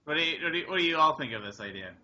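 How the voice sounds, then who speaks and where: Man player, very bright and forceful voice, eager chatty banter, lo-fi sound. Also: on the high side, animated, very fast. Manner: eager, chatty, laughs often. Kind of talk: casual tabletop game banter.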